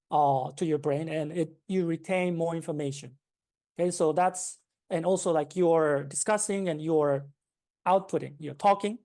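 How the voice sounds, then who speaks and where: A startup founder from Japan, speaking with a Japanese accent, explains at length as an interview guest, full of fillers and restarts. Her voice is low and mellow.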